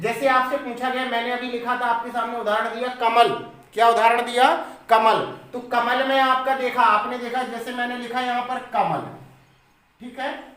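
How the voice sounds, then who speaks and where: A man's voice: sits high, fairly bright tone, reverberant, rough recording. A male teacher giving an online grammar lesson for exam preparation, who keeps asking the class questions and answering them himself.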